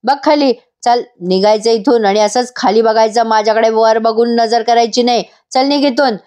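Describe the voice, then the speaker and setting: A woman's voice: a little high, normal speed, a little mellow, lightly acted. A woman voicing a haughty young mistress of the house who orders people out with scorn. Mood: scornful. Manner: scornful, commanding.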